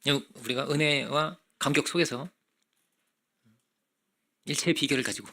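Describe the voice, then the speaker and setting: Gravelly bright-voiced male pastor. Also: on the high side, normal speed. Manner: conversational preaching with frequent rhetorical questions; acts out children's voices in animated bursts. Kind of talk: sermon.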